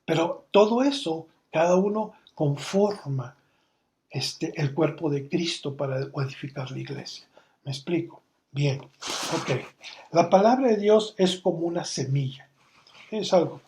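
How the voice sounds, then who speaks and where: A man's voice: a little high, lively intonation, unhurried, a little mellow, slight background noise. A middle-aged Mexican man, a pastor, teaching a church course in a conversational way, telling stories full of quoted dialogue. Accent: Mexican Spanish.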